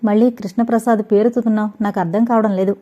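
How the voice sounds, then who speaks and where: A woman's voice: mid-range voice, steady tone, very fast, mellow, lightly acted. A woman reading an anxious young woman in love. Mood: worried. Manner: pleading, worried. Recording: dull lo-fi audio.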